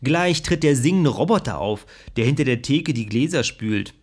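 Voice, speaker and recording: A man's voice: medium pitch, moderate pace, slightly rough. Man narrating a sci-fi audiobook. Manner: vivid, expressive storytelling.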